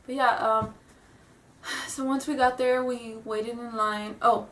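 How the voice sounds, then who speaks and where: Speaking slowly in a fairly high pitch with fairly even intonation, a young woman who sounds stuffy from a cold chats in a casual vlog. She's nervous, rambling, apologetic, and giggly, recorded in a room at home on roomy, distant home camera audio.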